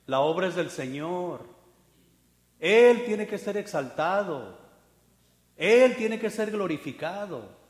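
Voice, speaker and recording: Male pastor, fairly high voice, sermon in a reverberant hall, swings between quiet and forceful, mimics the proud. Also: lively intonation, takes it slowly, long pauses. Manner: mocks proud people in put-on voices; shifts from hushed to loud and emphatic. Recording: echoey hall with long reverb.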